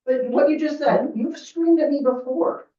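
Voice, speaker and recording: A woman staff member speaks with a slightly raised pitch, firm and earnest. She sits away from the mic in a roomy, echoing room. The sound is dull. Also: normal speed, mellow, far from the mic. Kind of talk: public meeting statement. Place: village board meeting room.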